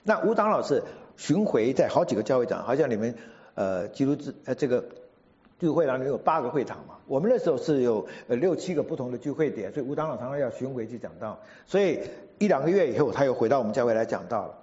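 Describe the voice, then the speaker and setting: Lively storytelling male preacher. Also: mid-range voice, fast, highs cut off. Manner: animated storyteller, acts out quotes. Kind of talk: sermon with storytelling.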